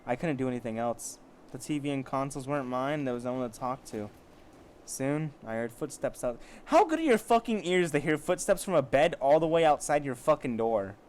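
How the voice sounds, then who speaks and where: An amateur story reader with a medium-pitched, somewhat mellow voice talks fairly quickly and expressively over slight background noise. He reads fiction casually aloud, peppering it with sarcastic, foul-mouthed asides.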